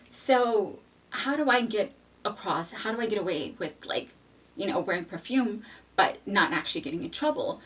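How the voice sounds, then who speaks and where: A young woman hosting a fragrance channel, telling a school story in casual chat, laughing often and getting animated. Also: medium pitch, distant mic.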